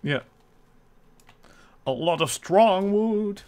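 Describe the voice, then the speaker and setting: A Dutch-accented man from the Netherlands speaks very slowly and expressively in a high-pitched, darkish, clean voice while streaming a game live. He's chatty, laughs frequently, and reads viewer chat aloud as he talks with teammates.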